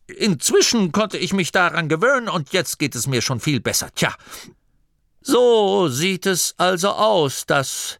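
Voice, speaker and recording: A man's voice: fairly bright tone, no room sound, clean studio sound, full character voice. A man voicing an old, anxious male gnome abbot who stammers and blusters in a storybook reading. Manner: flustered, stammering, high-pitched. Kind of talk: audiobook character voice.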